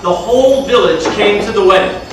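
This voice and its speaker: A man playing a folktale storyteller in a stage production gives lightly acted scripted narration in a high voice, moving briskly yet keeping a measured mood. He's captured from afar in a large, echoey hall, with music and noise in the background.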